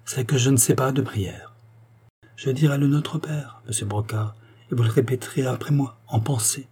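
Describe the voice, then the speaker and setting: A man's voice: mid-range voice, moderate pace, warm tone, slightly rough. A man voicing a tearful devout old housekeeper. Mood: gentle. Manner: pleading and sobbing.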